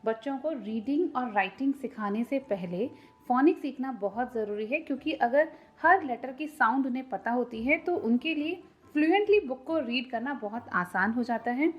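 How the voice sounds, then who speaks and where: A woman teaching phonics to parents as a channel host, sounding out letters slowly and repeating each one. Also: sits high, expressive, dull audio. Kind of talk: tutorial lesson for parents.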